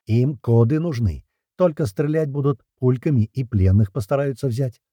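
Audiobook figure: crude male soldier read by a man, gruff and defiant. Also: medium pitch, moderate pace, warm tone, no room sound, lo-fi sound, voice pushed up, lightly acted. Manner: crude, spitting curses.

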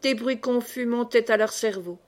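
Woman reading a classic novel aloud. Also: on the high side. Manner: calm, measured, expressive reading. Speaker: audiobook reader. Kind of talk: literary audiobook narration.

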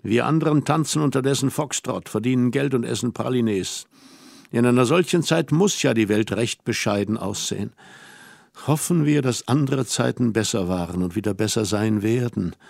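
A wise and melancholy young woman speaks earnestly, weighing each word with slow, deliberate pauses, as a male audiobook reader gives her voice. The voice has a gravelly edge and sits close and dry. It is a storybook reading. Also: medium pitch, no room sound. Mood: pensive. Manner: measured, reflective, slow emphatic pauses.

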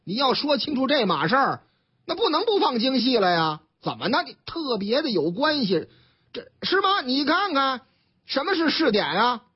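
A man with a Beijing accent and an extremely high, breathy-edged voice speaks at normal speed as host of a chatty radio newspaper commentary show. In a dull, lo-fi broadcast, he retells stories with lively energy, changing his voice to act out the characters.

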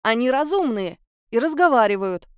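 A woman's voice: a little high, animated, moderate pace, clean tone, no room sound, clean studio sound, natural voice. Woman doing feisty young huntress Vera. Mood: insistent. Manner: demanding.

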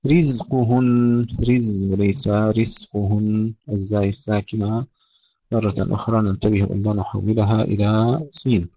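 Give me a man teaching Quran recitation in a dry, close recording, reciting slowly, then explaining briskly. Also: fairly low pitch, steady tone, warm tone, no echo. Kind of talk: tajweed lesson. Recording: dull lo-fi, dry sound.

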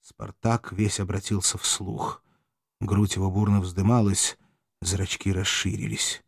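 Low-voiced man narrating slowly. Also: little pitch movement, creaky, breathy edge, dry recording, clean studio sound. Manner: slow, solemn, measured reading. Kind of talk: audiobook narration.

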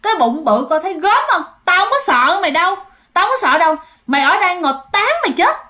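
A woman's voice: very high-pitched, animated, a little slow, fairly bright tone, voice pushed up, heavily acted. A woman with a Southern Vietnamese accent voicing a vain female ghost who possesses a village aunt, coy and preening, then snarling and taunting.

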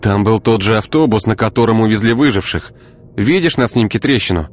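A man voicing a brash young man who talks in a brisk, teasing way. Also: on the low side, pitched above the performer's own voice, natural voice. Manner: brisk, teasing, sometimes syrupy.

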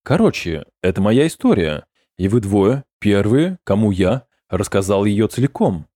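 A man's voice: on the low side, sing-song, a little slow, dark tone, no echo, studio quality. A man voicing a bitter, defensive male wizard who snaps back indignantly. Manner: snapping, indignant.

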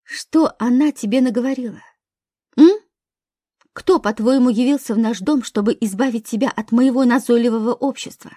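Woman doing a taunting young stepbrother, husky and mellow, lightly growled. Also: on the high side, moderate pace, dry recording, studio quality. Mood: mocking. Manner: mocking, growling. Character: brash mocking young male stepbrother.

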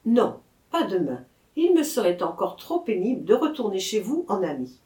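A woman's voice: medium pitch, sing-song, moderate pace, dark tone, natural voice. A woman reader voicing a timid, lovesick young abbé who speaks humbly and mournfully, in an echoey room. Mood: wistful.

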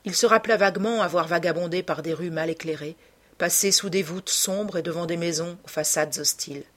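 A woman narrating a classic novel in a measured, hushed storytelling manner, with a husky voice. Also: lowish voice. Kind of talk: literary audiobook narration.

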